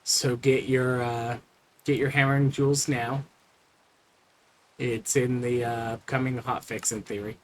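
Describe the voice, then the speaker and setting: A man's voice: medium pitch, flat delivery, measured pace, a little hiss or hum, poor audio. A man casually commenting on his own gameplay, rambling and talking to himself with frequent fillers. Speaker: streamer.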